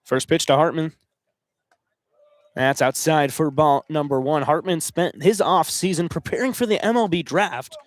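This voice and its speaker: A man's voice: fairly high pitch, normal speed, no room sound. Young man calling college baseball play-by-play. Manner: excitable, voice climbs on big plays. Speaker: play-by-play announcer.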